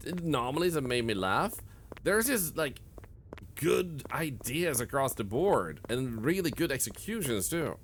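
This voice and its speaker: A man doing live gameplay commentary as a streamer, excitable, laughing often and yelping at sudden scares. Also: medium pitch, a little slow, a little hiss or hum. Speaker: streamer playing a horror game.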